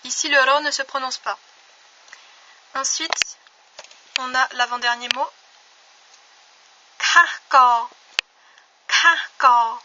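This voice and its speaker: A woman gives an online language lesson in a high, bright voice. She speaks slowly and carefully, repeating each word to drill it. The recording sounds slightly dull and lo-fi. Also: steady tone, noisy background. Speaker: language teacher.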